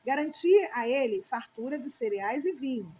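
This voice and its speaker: A woman's voice: sits high, normal speed, a little mellow, husky. A woman reading the lines of an old blind father, solemn and grave, in her own voice.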